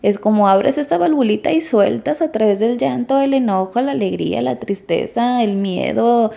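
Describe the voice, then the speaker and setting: A woman talks through an idea in casual podcast chat, calmly and step by step. Her voice is mellow and dark, with a gravelly fry at the ends of her phrases. She sits a little higher in pitch than most women. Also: moderate pace. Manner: calm, explains step by step, asks the others questions. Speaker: podcast co-host explaining grief.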